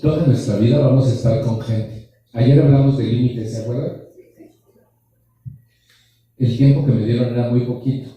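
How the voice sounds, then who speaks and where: A man's voice: mid-range voice, steady tone, normal speed, long pauses, mellow, slight background noise. A man giving a joking, blunt motivational talk to a group, full of rhetorical questions and slang. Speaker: speaker at a support group anniversary. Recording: echoey hall, distant mic.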